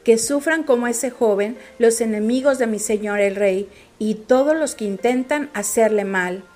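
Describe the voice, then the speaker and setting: A woman's voice: a little high, moderate pace, a little mellow, close to an everyday voice. A woman reading the part of a formal foreign male runner bringing news.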